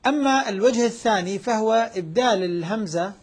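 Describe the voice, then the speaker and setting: A husky man with a fairly high voice explains recitation rules in quick speech. He pauses to demonstrate sounds carefully, as a teacher does on air. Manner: measured, demonstrates pronunciation.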